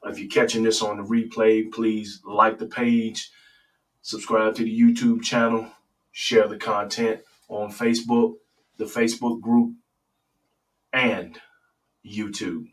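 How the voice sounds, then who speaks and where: A man hosting a casual live sports talk stream in a low early-morning radio voice, talking straight to his viewers. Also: slow, far from the mic, poor audio. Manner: relaxed, talks straight to viewers, asks for comments. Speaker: sports talk show host.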